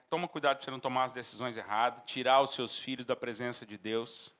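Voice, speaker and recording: A man with a Brazilian Portuguese accent preaching a sermon as pastor, breaking into animated outbursts and acted-out shouts. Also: medium pitch.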